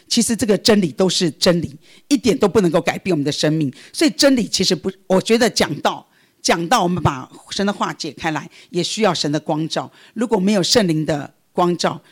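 A man giving an earnest, conversational sermon, telling a personal story with many restarts and fillers. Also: high voice. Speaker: preacher.

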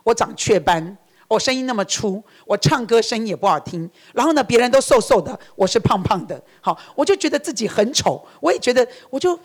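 A woman's voice: a little high, animated, fairly quick. A middle-aged woman, preaching a sermon. She tells her own story earnestly and acts out the prayers she quotes. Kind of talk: sermon with personal testimony.

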